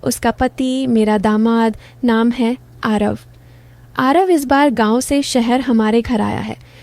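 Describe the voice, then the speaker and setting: A woman's voice: fairly high pitch, fairly even intonation, slow pace, a little mellow, no room sound. A middle-aged woman narrating a first-person story in a confiding, intimate manner.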